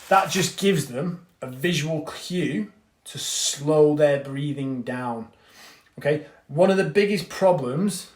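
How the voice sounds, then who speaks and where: A man, a fitness coach, giving a casual live-stream breathing lesson and answering viewers. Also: a little high. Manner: chatty, reads out viewer comments, swears casually. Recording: echoey room.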